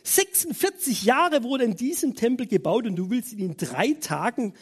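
A furious old high priest, as a preacher puts him on, his voice pushed high and loud with indignant questions. The tone stays slightly husky, with big swings of pitch. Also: animated, normal speed, full character voice. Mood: incredulous. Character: indignant older male temple high priest.

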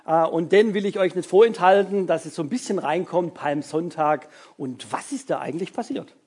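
A man's voice: a little high, moderate pace, a little mellow. A man giving a casual sermon to young people as their youth leader, chatty and full of fillers and tag words.

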